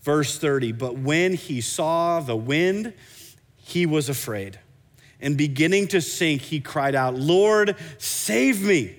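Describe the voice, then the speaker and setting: A man preaching a sermon as pastor, animated, often stumbling and repeating words as he restarts a thought. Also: fairly high pitch, slow, big-room sound.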